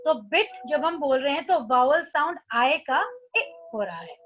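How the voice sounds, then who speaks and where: A woman teacher explaining a textbook lesson, reading the English lines slowly and then explaining them in Hindi. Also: high voice, big pitch swings, lo-fi sound, a little hiss or hum.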